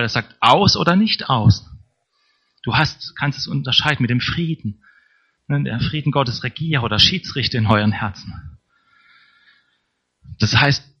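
A man's voice: mid-range voice, lo-fi sound. A man preaching a sermon in a conversational way, often checking in with the congregation. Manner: conversational, tag questions to congregation.

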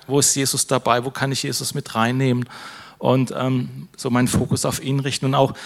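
A man's voice: medium pitch, vocal fry, fairly bright tone. A man preaching an informal sermon, conversational, with many fillers and tag questions. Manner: closes with a prayer.

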